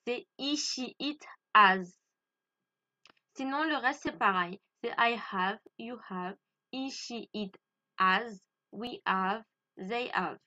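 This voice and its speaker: Slow, patient woman teaching English. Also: a little high, bright, forceful tone, dull audio. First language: French. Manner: patient, repeats key points and checks "d'accord?". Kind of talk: beginner English lesson.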